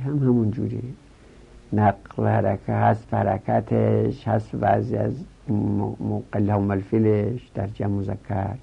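Gravelly low-voiced male grammar teacher. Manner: rapid, sing-song recitation of conjugations. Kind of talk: classroom lesson, chanting verb paradigms. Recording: dull lo-fi recording.

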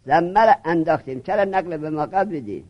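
High-voiced man drilling students. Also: lively intonation, highs cut off. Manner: drilling, repeats questions, prods students. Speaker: teacher. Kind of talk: Arabic grammar lesson, questioning students.

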